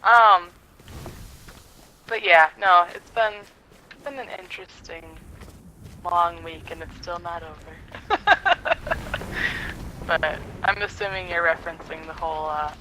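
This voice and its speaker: A man with a high, bright voice chats casually as a podcast guest, giggling and rambling with plenty of fillers. He speaks slowly, and a faint background noise sits under his voice. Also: low-quality recording. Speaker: podcast guest, community clan leader. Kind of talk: casual chat.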